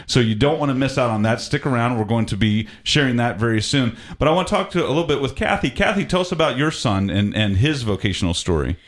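A man's voice: medium pitch, animated, fast talker, few pauses. A man hosting a radio fundraiser, upbeat and chatty, repeating the call-in number and interviewing guests in the studio. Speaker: radio host.

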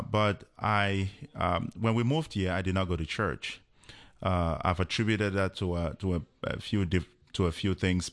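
A man, a guest telling a personal story in an unhurried way with many fillers. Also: sits low. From Cameroon.

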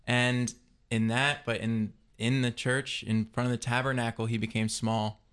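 Clear-voiced young man, reflective. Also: medium pitch, flat delivery, unhurried, a bit bright. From Philadelphia area, US. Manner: reflective storytelling. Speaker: interview guest.

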